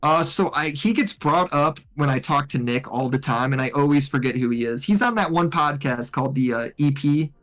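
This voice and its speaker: A man's voice: fairly high pitch, normal speed, hardly any pauses, fairly bright tone, soft background music. A young man hosting a casual chat show, laid-back and blunt, with a lot of profanity. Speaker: radio show host.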